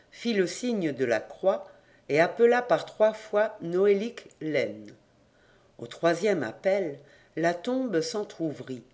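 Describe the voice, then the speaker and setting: An audiobook reader narrates a literary tale slowly and evenly. The voice sits at a middle pitch, and the delivery is steady storytelling.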